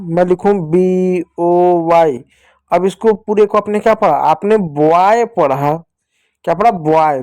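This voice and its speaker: A man's voice: high voice, darkish tone, dry recording. A young man teaching children English phonics, asking questions and answering them himself and repeating key points. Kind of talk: classroom-style phonics lesson.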